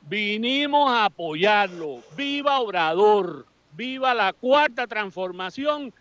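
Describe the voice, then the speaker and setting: Un hombre cubano con acento cubano, entrevistado en la calle, habla con fervor y sin filtro, soltando groserías. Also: male voice, sits high, expressive, takes it slowly, fairly bright tone. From Cuba. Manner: fervent, blunt, cursing freely. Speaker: supporter interviewed on the street. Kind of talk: street interview. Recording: dull lo-fi dry sound.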